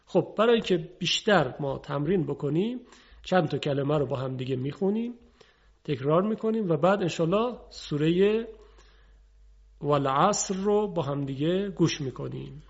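A man teaching pronunciation in a broadcast lesson, patiently drawing out example words slowly for contrast. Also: on the high side, animated, muffled recording.

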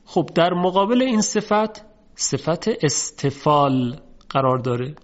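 A man teaching Quran recitation with a slightly high voice. He explains each letter plainly, then stretches the example words out slowly. The recording sounds dull and lo-fi. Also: lively intonation. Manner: slow, drawn-out demonstration of heavy letter sounds. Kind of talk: tajweed lesson.

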